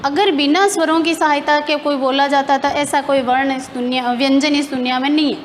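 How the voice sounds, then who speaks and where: A woman's voice: high voice, steady tone, a little fast, in a large hall, a little hiss or hum. A woman teacher explaining grammar step by step in a classroom lesson, asking questions and answering them herself.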